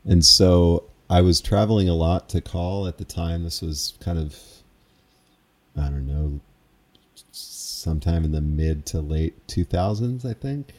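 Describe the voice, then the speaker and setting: In a relaxed interview, a square dance caller looks back on how he learned his craft, wandering through memories with reflective self-amusement. He speaks in a low, unhurried voice.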